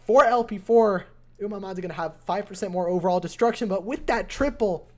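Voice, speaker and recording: A young esports caster and streamer calls a mobile strategy game match on his live stream, his voice going hoarse. He sits high in pitch and talks briskly, and his excitable play-by-play builds to near shouts at close finishes.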